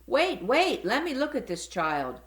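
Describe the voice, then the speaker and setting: A woman reading aloud and voicing a gentle, loving mother bat with a tender, soothing manner, in a roomy space. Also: on the high side, very animated, unhurried, voice pushed up. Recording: roomy echo.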